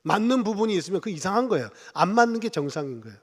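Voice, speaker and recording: A man in his fifties preaches a Sunday sermon with a fairly high voice. He talks to the congregation in a chatty, joking way and punches key words loudly. The long reverb of a church hall hangs around every phrase. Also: big pitch swings, rapid-fire. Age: 50s. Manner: conversational and humorous, with sudden loud emphasis and acted quotes. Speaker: pastor. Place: church sanctuary.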